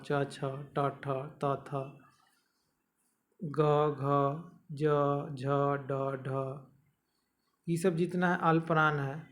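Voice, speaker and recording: A young man teaching an exam-prep grammar lesson, explaining step by step and checking back his students. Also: a little high.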